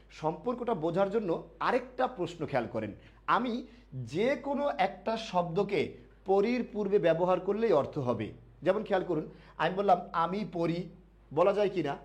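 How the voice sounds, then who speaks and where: A man teaching grammar to admission students in a live online class questions them and answers himself, repeating key words slowly. He has a high voice with a darkish tone.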